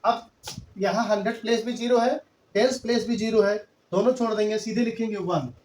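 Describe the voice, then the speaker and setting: A man's voice: high voice, fairly even intonation, fairly quick, darkish tone. A man teaching a maths lesson in Hindi-English mix, patiently counting out place values step by step. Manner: patient, repetitive counting aloud. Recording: echoey room, voice from far off.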